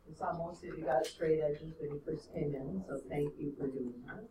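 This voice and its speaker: A woman's voice: sits low, steady tone, normal speed, background noise. A woman teaching a math lesson to a class, explaining step by step and checking in with "okay?" and "right?". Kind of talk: classroom lecture. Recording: echoey classroom from a distance.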